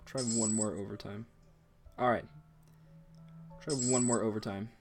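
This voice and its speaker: A man's voice: lowish voice, steady tone, unhurried, over music. Chatty man narrating a game. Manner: chatty, reads text aloud. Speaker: let's play host. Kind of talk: gameplay commentary.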